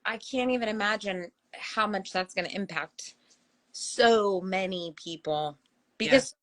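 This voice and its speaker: A woman's voice: mid-range voice, a little slow, fairly bright tone. A woman from Florida hosting a casual live-stream chat, rambling and chatty with plenty of fillers. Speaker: host.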